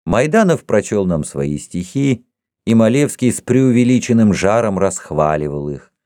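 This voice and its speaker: Male audiobook narrator, low dark voice, expressive storytelling, dry sound. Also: moderate pace, no echo. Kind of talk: audiobook reading.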